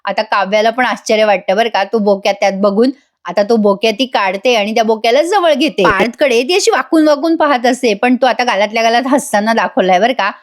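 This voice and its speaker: Woman, voice-over serial review, chatty and gossipy, talks to viewers, slightly high voice. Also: brisk. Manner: gossipy, addresses viewers directly. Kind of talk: chatty voice-over episode recap.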